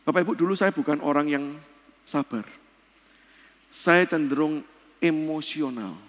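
Man, preacher, fiery sermon delivery, loud-to-hushed swings, higher voice, long church reverb. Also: measured pace. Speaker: pastor and seminar speaker. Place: church hall.

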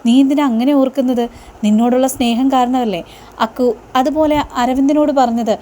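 A woman's voice: sits high, fairly even intonation, fairly quick, mellow, a little hiss or hum, lightly acted. A woman reading the lines of a kind elderly uncle who soothes and reassures. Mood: consoling.

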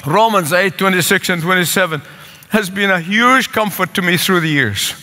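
Older man, Egyptian accent, earnest pleading preacher; high, bright voice; pulpit sermon in a reverberant sanctuary. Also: normal speed. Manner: earnest, pleading, repeats phrases for emphasis. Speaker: pastor. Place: large church sanctuary with congregation. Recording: long church hall reverb.

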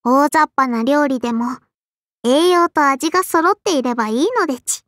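A woman records anime game lines in a dry, studio-quality setting, her voice high and a bit bright at normal pace. She portrays a small, prim sparrow-spirit girl who is strict and critical, lisping childishly and chiding politely with a quirky verbal habit.

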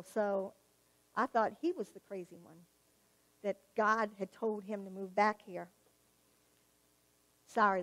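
Woman, church testimony, lively storytelling, fairly high voice. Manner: animated storyteller, acts out quoted dialogue, laughs at herself. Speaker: speaker giving a testimony in church.

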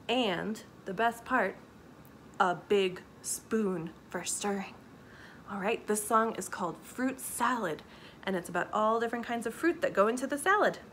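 Animated woman reading to children. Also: a little high, a little hiss or hum. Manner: animated, gasping, asking children questions. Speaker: children's librarian.

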